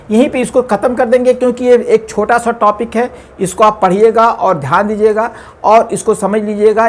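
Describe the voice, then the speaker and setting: A man teaching an English grammar lesson, explaining patiently with many repetitions and fillers. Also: high voice.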